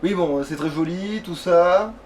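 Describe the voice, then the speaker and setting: A man who does let's plays gives casual, informal gameplay commentary, swearing along the way. His voice sits high and unhurried, picked up by a distant mic with clear background noise.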